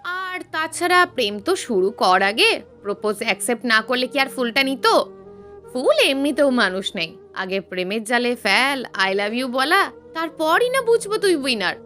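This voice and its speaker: A woman's voice: high voice, sing-song, a little slow, bright, forceful tone, soft background music, heavily acted. A woman voicing mocking young female college friends who goad and tease. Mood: taunting. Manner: mocking, goading.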